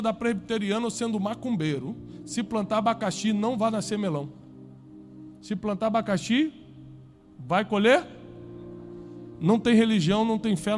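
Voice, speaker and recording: A man with a Brazilian Portuguese accent preaching a sermon to a congregation, emphatic, with rhetorical questions and climbs toward near-shouts. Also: high voice. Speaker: pastor. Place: church before a congregation.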